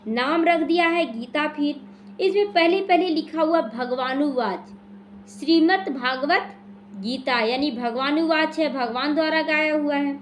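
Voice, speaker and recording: A high-pitched, somewhat slow voice belongs to an Indian woman teaching a devotional class on the daily murli in a small prayer hall. She explains scripture and responds to her own questions, with a bit of hiss or hum on the recording.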